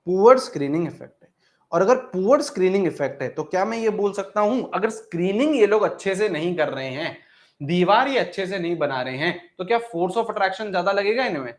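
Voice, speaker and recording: Coaxing male teacher, slightly high. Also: very animated, fairly quick. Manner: repeats questions to the class, calls students 'beta'. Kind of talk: exam-prep chemistry lesson.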